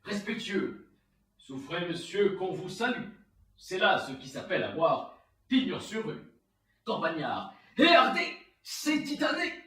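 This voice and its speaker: Witty proud swashbuckler, hammy stage verse, slow grandiose delivery, bright ringing voice, theatrical monologue. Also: male voice, high-pitched, very animated, heavily acted. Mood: grandiose, declamatory. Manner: hammy, declamatory stage acting. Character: proud, witty, mocking swashbuckling poet Cyrano de Bergerac. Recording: roomy, echoing, far from the mic.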